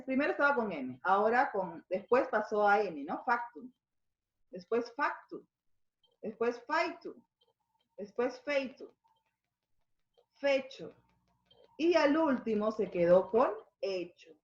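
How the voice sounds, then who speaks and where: A woman's voice: a little high, expressive, slow, long pauses, echoey room, dull audio. A woman with a Peruvian accent teaching a school language lesson, explaining step by step and checking in with her students. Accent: Peruvian Spanish. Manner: explanatory, checks in with frequent tag questions.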